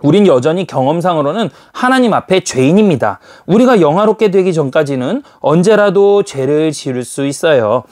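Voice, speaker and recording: A man's voice: a little high, moderate pace, hardly any pauses. A man preaching a sermon in an emphatic way, firing rhetorical questions at his listeners. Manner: animated, emphatic, full of rhetorical questions to the audience.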